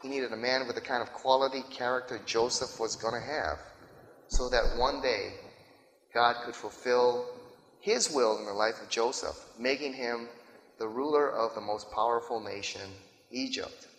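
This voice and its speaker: Conversational preacher in an echoey hall. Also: male voice, mid-range voice, steady tone, normal speed, fairly bright tone, a little hiss or hum. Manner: conversational, keeps checking in with "right?" and "okay?". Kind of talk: sermon.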